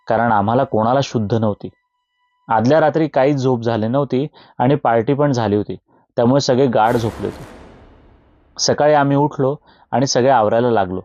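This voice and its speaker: A man narrating a scripted horror story in a steady, measured way, with faint music behind. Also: medium pitch, no echo, dull audio.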